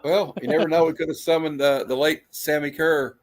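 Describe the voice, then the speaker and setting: A man's voice: a little high, fairly even intonation, brisk. A man hosting a horror movie show in a casual horror-host manner, chatting loosely as on a livestream.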